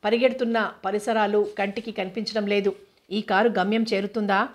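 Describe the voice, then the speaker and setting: A woman narrating a humorous novella in a steady, even storytelling way. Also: medium pitch, normal speed. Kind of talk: reading a humorous novella aloud.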